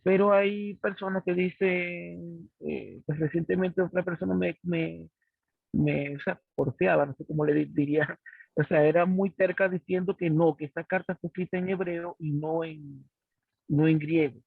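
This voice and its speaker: Halting man on a crackly phone line. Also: on the high side, steady tone, gravelly, husky, no room sound. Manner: hesitant, halting, full of pauses and restarts. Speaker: student in a Bible study class. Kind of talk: asking a question in an online class. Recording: tinny phone-like line, dry.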